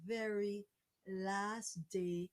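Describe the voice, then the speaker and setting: Slow, pleading woman from Jamaica. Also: medium pitch, fairly even intonation, clean tone. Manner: pleading, repetitive, preacher-like cadence. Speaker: fundraising campaign speaker. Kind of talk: impassioned livestream appeal. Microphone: livestream microphone.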